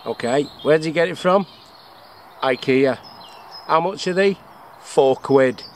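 A middle-aged English bushcraft vlogger jokes and chats while showing off his gear at a woodland camp, asking himself questions and then answering them. His voice is fairly high and unhurried, picked up by an action camera on his chest or a tripod, with birdsong and faint outdoor noise behind.

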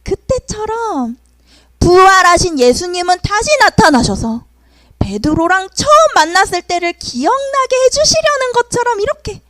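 A young adult woman preaching to children, telling a story in an animated, sing-song way and speaking to the children directly. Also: extremely high pitch, moderate pace, dry recording.

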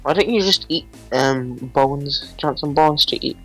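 Teasing co-player, mid pitch, jokey exaggeration, faint music underneath. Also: normal speed, fairly bright tone, poor audio. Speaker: gaming friend. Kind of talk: casual game chat.

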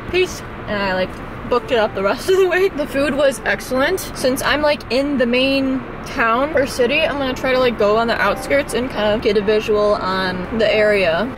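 A congested woman with a Midwestern accent films herself on her phone for a travel vlog, chatting casually in the car and around town and rambling with lots of fillers. Her voice runs on the high side at a moderate pace, against a noisy background.

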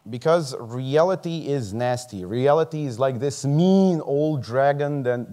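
On a big theater stage, a man from Croatia in his thirties, a native Croatian speaker studying medicine, delivers a motivational talk. His voice is medium-pitched and mellow; he's earnest, laughs softly a lot, and frequently restarts words.

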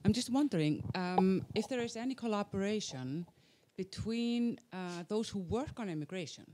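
A woman's voice: medium pitch, expressive, normal speed, dark tone. A woman from Iceland in the audience, asking an earnest, rambling question. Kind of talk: question from the floor.

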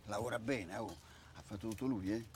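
An actor with a Roman accent playing a wry middle-aged swindler, speaking colloquially in a film comedy. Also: male voice, on the low side, normal speed, darkish tone, natural voice. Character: middle-aged debt-ridden swindler who faked his death. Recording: outdoor film sound, faint noise.

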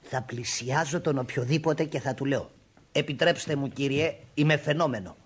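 A man's voice: mid-range voice, close to an everyday voice. An actor playing a boastful, nosy male busybody in a radio drama, with a swaggering, coaxing manner.

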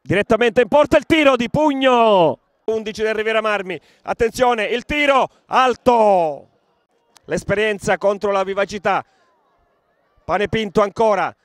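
A man commentates on football in a high, excited voice. He sounds breathless, stretching words into shouts as play heats up. The sound is close and dry. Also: no echo. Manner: excited, breathless calls that swell into drawn-out shouts at shots and goals.

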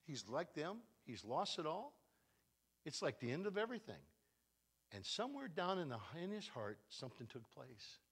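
A man preaching a sermon as a guest pastor, telling a story with dramatic swings from loud to hushed. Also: fairly high pitch, very animated, normal speed, breathy edge.

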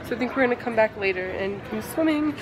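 A woman's voice: on the high side, lively intonation, fast talker. A woman vlogging casually on a handheld camera, rambling and joking at herself as she walks through public places. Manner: rambling, jokey, self-mocking. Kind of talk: casual vlog chat. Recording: busy crowd and street noise.

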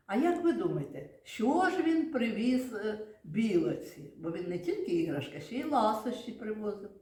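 A woman's voice: mid-range voice, darkish tone, echoey room. A woman kindergarten teacher leading young children through a lesson, patiently asking questions, praising answers and spelling out sounds and syllables.

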